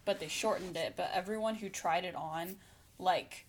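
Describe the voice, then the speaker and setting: A woman's voice: lowish voice, moderate pace, a little hiss or hum. A woman co-hosting a casual podcast, talking enthusiastically with many fillers. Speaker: podcast co-host. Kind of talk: casual chat about a TV show.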